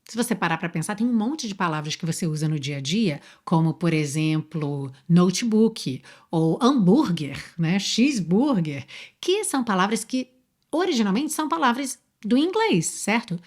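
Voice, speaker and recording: A Brazilian woman teaching an online English lesson, explaining patiently, spelling words out slowly and asking the viewer questions. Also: mid-range voice, lively intonation. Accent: Brazilian Portuguese.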